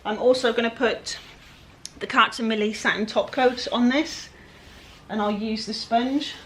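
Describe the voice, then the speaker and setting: A woman with a West Country English accent from the England-Wales border narrates a casual DIY vlog about flipping furniture, chatty and rambling and poking fun at herself. Her voice sits on the high side, fairly bright and steady, and she talks a little slowly. There's slight background noise.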